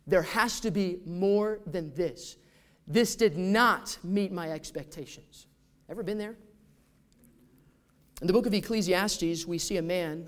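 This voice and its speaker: Male pastor, high-pitched, conversational sermon delivery with rhetorical questions.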